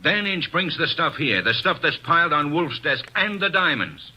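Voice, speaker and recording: A gruff police inspector in an old radio drama, needling and blunt as he spells out his accusations. His husky voice is sharp and tense, and its pitch swings widely. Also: sing-song, moderate pace, exaggerated voice. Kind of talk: 1940s radio acting.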